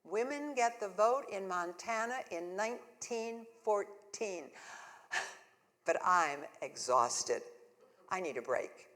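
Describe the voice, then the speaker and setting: In a live church-hall performance, an actress plays a spirited suffragist in her thirties, recounting her own story in first person with earnest, wry humor. Her medium-pitched voice is expressive, slow, and fairly bright, and the recording carries a long church reverb.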